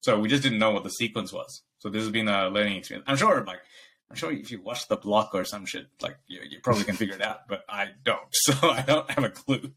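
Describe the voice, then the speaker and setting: A man's voice: fairly low pitch, quick pace, sharp tone. A young man from Bangladesh, co-hosting a podcast in casual chat, rambling and laughing often as he acts out quoted dialogue. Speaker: podcast co-host.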